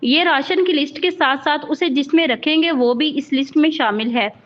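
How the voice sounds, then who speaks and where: A woman voicing a defiant, sharp-tongued young wife in a storybook reading, with tart retorts. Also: sits high, moderate pace. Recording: dull lo-fi recording.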